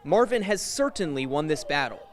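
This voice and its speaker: A male sports reporter giving scripted news narration with a lively storytelling delivery. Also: a little high, a little fast.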